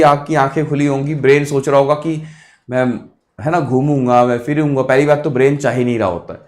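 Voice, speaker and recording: Encouraging male math teacher. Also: mid-range voice. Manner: encouraging, repeats answers, addresses students as kids; motivational asides mixed with quick calculation. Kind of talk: live online exam-prep class.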